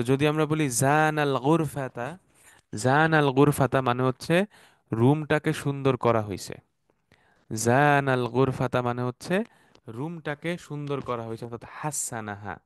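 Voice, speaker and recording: A man's voice: mid-range voice, clean tone, dry recording, clean studio sound. Patient male Arabic teacher. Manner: patient, repeats words slowly, mixes English terms. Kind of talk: explanatory online class.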